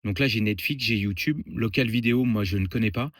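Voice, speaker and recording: A man giving a relaxed, casual product demo and review from inside a car, pausing often to find his words. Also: lowish voice, no echo, clean studio sound. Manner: relaxed, hesitant with frequent filler pauses.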